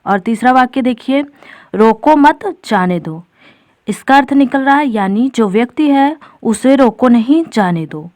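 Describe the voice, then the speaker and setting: A woman's voice: sits high, lively intonation, normal speed, hardly any pauses, darkish tone, no echo, clean studio sound. A woman teacher explaining a grammar topic step by step for exam preparation, addressing viewers directly as friends. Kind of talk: exam-prep grammar lesson.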